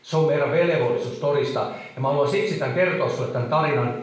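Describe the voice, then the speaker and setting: A middle-aged man tells his testimony to a congregation, halting and emotional, full of small fillers and restarts. His voice sits at an ordinary pitch. It rings through a big echoey hall and sounds set well back from the microphone. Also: far from the mic. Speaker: preacher giving testimony. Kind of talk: testimony sermon.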